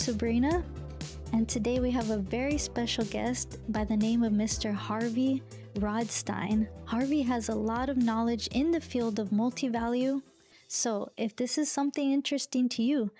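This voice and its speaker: A woman hosts a podcast interview in a friendly, upbeat way. Her voice sits fairly high but has a mellow, warm tone. The sound is dry and close, with no room echo. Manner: friendly, upbeat, laughs often. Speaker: podcast host.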